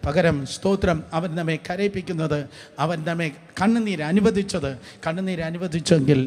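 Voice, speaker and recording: A middle-aged man with a Malayali accent delivers a sermon in a notably high voice. He preaches with passion, repeating phrases and rising into loud calls before falling back to soft asides. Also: normal speed. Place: church service with congregation.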